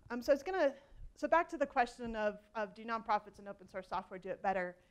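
A woman in her forties speaks from a conference stage through a headset mic, her voice sitting a little high. She talks in a loose, conversational way, full of ums and restarts, with a self-deprecating humor. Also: expressive, fast. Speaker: keynote speaker. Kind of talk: conference keynote talk. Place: large conference hall stage.

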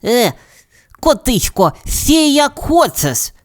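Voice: medium pitch, very animated, slow, pitched above the performer's own voice. A storyteller voicing a clever little male canary with a burred, lisping way of talking. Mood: explaining. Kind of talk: storybook character voice.

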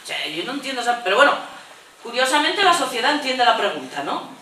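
A woman teacher giving a humorous lecture, lively and jokey, now and then acting out little voices. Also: fairly high pitch, fast, reverberant, far from the mic, a little hiss or hum, low-quality recording.

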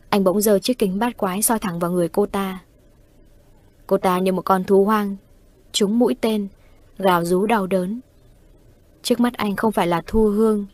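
A woman storyteller reads ghost stories at an even, unhurried pace. Her voice sits at a middle pitch. It is recorded close and dry, with no echo at all. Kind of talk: horror story narration.

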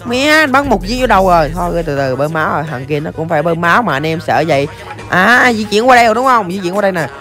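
A game streamer, giving excitable play-by-play commentary to viewers with rapid-fire exclamations. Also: medium pitch, faint music behind. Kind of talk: live gameplay commentary.

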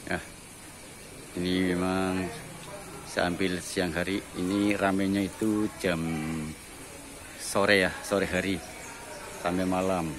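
A man giving a casual walking tour of a cafe, talking in a slow, relaxed way with lots of "ya" fillers. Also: sits low. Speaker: vlogger touring a cafe. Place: outdoor cafe grounds and indoor dining hall. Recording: noisy ambient phone recording.

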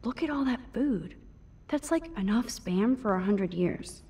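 Max, a wistful shy teen. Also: female voice, medium pitch, lively intonation, measured pace, a little mellow, distant mic. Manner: wistful, musing to herself. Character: shy 18-year-old girl, photography student. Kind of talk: video game inner monologue.

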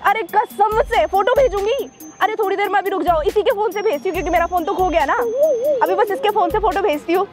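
A woman's voice: extremely high pitch, fast. A young woman hosting a prank video, gushing and teasing as she talks to her mother on the phone. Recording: background music under the voice.

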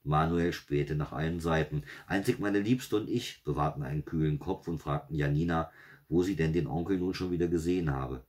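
A man's voice: very deep voice, fairly quick, darkish tone. A man reading his own first-person story aloud in a dry, wry manner.

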